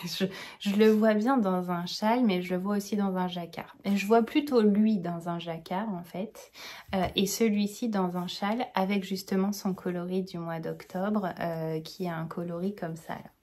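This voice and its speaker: A woman hosting a knitting podcast, talking in a chatty, rambling and enthusiastic way, and sometimes dropping into a soft whisper. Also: mid-range voice, fairly even intonation, moderate pace. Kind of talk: casual chat.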